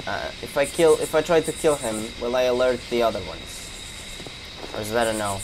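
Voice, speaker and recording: A man's voice: medium pitch, animated, normal speed, background noise. A young man giving casual gameplay commentary, reacting and swearing as he talks to himself. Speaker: gamer streamer. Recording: game gunfire behind voice. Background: gunshots and game ambience.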